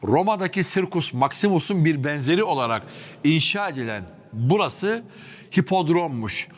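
Touring the underground stone passages of an old city, this history vlogger and guide speaks at a normal speed in a fairly high, expressive voice. His narration is dramatic and aimed directly at viewers and crew, echoing off the chamber walls.

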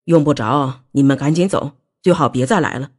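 A woman's voice: extremely low pitch, normal speed, husky, pitched below the performer's own voice. Woman voicing a curt, offended older father. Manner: curt, dismissive.

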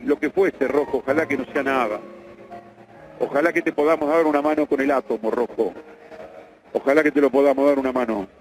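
A man's voice: medium pitch, fairly quick, low-quality recording. A man calling a football match play-by-play, repeating his calls with fervent, theatrical energy. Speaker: play-by-play radio commentator.

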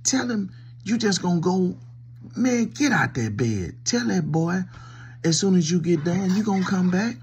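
With a high voice, lively intonation and a measured pace, this middle-aged man sounds darkish and stuffed up, sick with a cold and coughing. A comedy vlogger, he holds his phone close in a small room and teases an unseen listener in a loose, one-sided fake call, with a little hiss or hum behind him.

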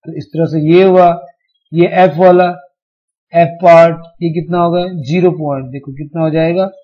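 A man teaching a math lesson, explaining slowly and step by step, repeating each number. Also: fairly high pitch, steady tone, muffled recording. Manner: slow, repetitive, step-by-step explaining.

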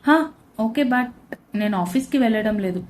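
A woman's voice: a little high, animated, a little slow, a little hiss or hum. Woman voicing an arrogant, curt young husband. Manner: curt and sarcastic.

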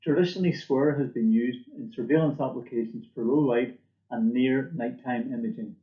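Using a mid-range voice at a moderate pace, a middle-aged company presenter works through a scripted product presentation at his indoor desk. Echo fills the room in this webcam recording of an indoor space, and the sound is dull and muffled.

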